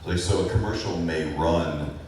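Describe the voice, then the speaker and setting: A man with a low, slightly mellow voice answers fan questions at normal speed as a voice actor on a convention panel, laid-back and rambling with lots of fillers and chuckles. He's in a large convention hall, recorded from far off, so the sound is echoey with slight background noise.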